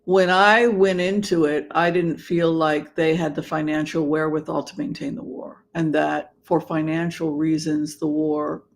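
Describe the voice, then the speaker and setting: A livestream host with a mid-pitched voice talks casually to an online audience. The delivery is camp and theatrical, with drawn-out words and halting phrases. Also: little pitch movement. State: allergies, occasional throat clearing. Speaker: livestream host and tarot reader. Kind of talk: casual livestream chat, greeting viewers.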